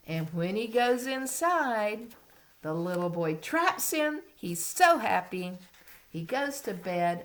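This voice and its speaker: A woman reading a picture book aloud as if to a toddler, with simple questions and expressive, teacherly storytelling. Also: fairly low pitch, gravelly. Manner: simple child-directed talk, as if reading to a toddler; expressive storytelling, dropping to hushed asides.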